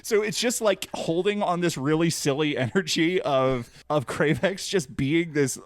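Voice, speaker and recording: A man's voice: on the high side, a little slow, no room sound, clean studio sound. Amused man co-hosting a podcast. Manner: amused, laughs often, swears casually. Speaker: podcast co-host. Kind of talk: casual podcast chat recapping a cartoon.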